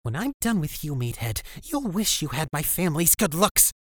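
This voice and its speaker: A man voicing a vain, popular teenage girl with a sharp, scornful way of talking. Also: on the high side, very animated, normal speed, no echo, studio quality, pitched above the performer's own voice. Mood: spiteful.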